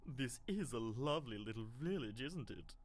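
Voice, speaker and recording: A man's voice: mid-range voice, lively intonation, normal speed, slight background noise, close to an everyday voice. A man voicing a cozy, doting shopkeeper in a game, chatty, sweet and gushing. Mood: dreamy, gushing.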